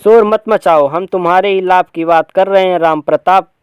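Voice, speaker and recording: A man's voice: high-pitched, moderate pace, clean tone, lightly acted. A man reading a play aloud and voicing an anxious older mother who speaks in short, hesitant, pleading lines. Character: anxious older mother, meek but insistent.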